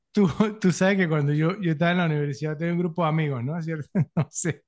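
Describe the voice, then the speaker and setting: Chatty higher-voiced man on a film podcast. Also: fairly even intonation, brisk, a little mellow. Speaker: podcast co-host. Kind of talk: casual film podcast chat.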